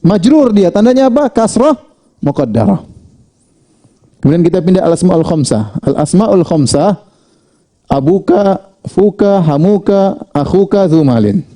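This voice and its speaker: A man teaching an Arabic grammar lesson, drilling with rhetorical questions, reading example phrases out slowly, and rising high for questions before dropping low for the answers. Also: dark tone. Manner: pitch swings widely between questions and answers. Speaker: Islamic studies teacher.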